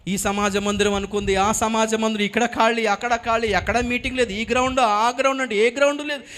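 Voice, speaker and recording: A male pastor with a high-pitched voice preaches in an animated, storytelling manner. He calls out to the congregation for a response. His delivery moves between hushed narration and strong exclamation. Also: fairly quick. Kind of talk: sermon.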